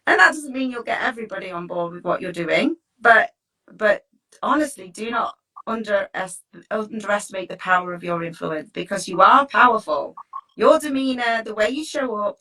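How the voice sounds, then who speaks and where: A teacher wellbeing coach leads an informal talk in a bright, forceful, mid-range voice. She's chatty and encouraging, frequently checking in with tag questions, and the microphone picks her up from a distance.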